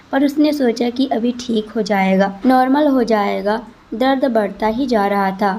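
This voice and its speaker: Mellow-voiced woman storyteller. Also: on the high side. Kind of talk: scripted narration.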